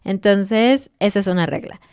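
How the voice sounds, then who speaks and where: A woman's voice: medium pitch, moderate pace, a little mellow, clear, resonant tone, dry recording, clean studio sound. A woman co-hosting a language podcast, explaining pronunciation patiently in casual teaching chat and demonstrating sounds. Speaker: podcast co-host.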